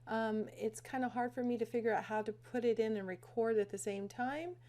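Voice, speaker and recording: Working through a casual soap-making tutorial for her channel, a woman explains each step informally. She speaks briskly in a fairly high, slightly mellow voice, captured with roomy echo and faint noise in the background.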